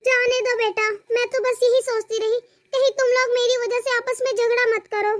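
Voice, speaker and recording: A woman voicing an elderly widowed mother in a cartoon story, soft and pleading. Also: very high-pitched, dry recording, recorded from a distance. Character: elderly widowed mother, meek and self-effacing. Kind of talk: cartoon voice acting.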